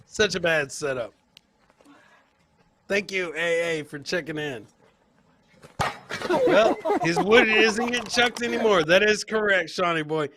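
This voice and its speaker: Very animated and high-pitched, a middle-aged man hosts a live comedy show at a measured pace, leaving long pauses. He banters casually with chat, reacts to clips, and repeats phrases like a hype man. Background noise is audible through his close boom podcast mic or headset.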